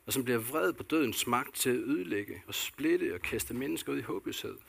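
Gravelly-voiced man preaching a sermon. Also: medium pitch, expressive, a bit bright. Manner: earnest preaching with rhetorical questions and repetitions. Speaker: pastor.

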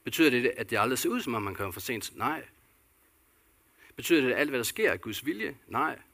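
A man preaches a sermon in a gravelly, husky voice with a bright, forceful edge. He talks earnestly, asking rhetorical questions and repeating phrases for weight. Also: mid-range voice, big pitch swings. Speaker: pastor.

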